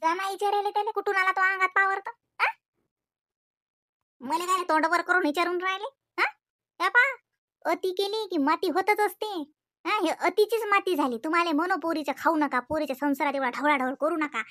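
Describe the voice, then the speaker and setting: A woman playing a shrill, sharp-tongued village mother with a Vidarbha accent. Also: no room sound, clean studio sound, heavily acted. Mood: scolding. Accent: Vidarbha Marathi. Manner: scolding, nagging, repeating "हा?". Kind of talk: cartoon comedy voice acting.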